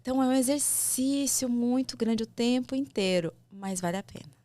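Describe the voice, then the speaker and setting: Soft-spoken reflective Brazilian woman. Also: on the high side, moderate pace, no room sound. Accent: Brazilian Portuguese. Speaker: guest, actress and mother. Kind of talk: casual conversation.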